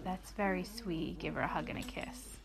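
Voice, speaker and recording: With a crowd audible behind her, a woman reads a bedtime sleep story at a moderate pace in a lowish voice with vocal fry. As a mother and host, she narrates gently and chats with her small child, explaining things simply and encouragingly.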